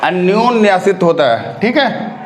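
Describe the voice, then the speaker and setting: A man with a high-set voice teaches a spelling lesson for exam candidates. He repeats each word several times and keeps checking that his students follow along. The sound carries a noticeable room echo. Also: animated, a little slow, slight background noise. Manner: drills correct forms, repeating words with frequent check-ins.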